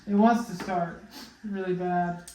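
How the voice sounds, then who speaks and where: A man's voice: high-pitched, fairly even intonation, measured pace, mellow, slight background noise. A man explains engine work as he tinkers, in an offhand and joking way. His voice bounces around a very echoey garage. He sounds distant from the mic. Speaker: race car builder. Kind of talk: casual shop talk.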